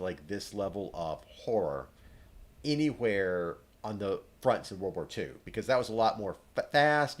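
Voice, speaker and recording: A man with a fairly low voice chats his way through a video game, rambling and full of filler words. His pitch swings widely as he talks, rising and dropping from phrase to phrase. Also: a little mellow. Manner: rambling and chatty, lots of "like" fillers. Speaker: let's play host. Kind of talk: casual gameplay commentary.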